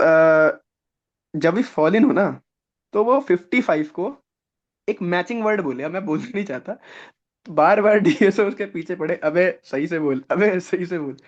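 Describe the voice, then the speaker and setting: A young man, a guest on an interview show, telling animated stories and acting out other people's lines. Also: high voice. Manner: lively, acts out other people's lines, laughs often. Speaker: guest, defence-services aspirant. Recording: slightly dull, lo-fi audio.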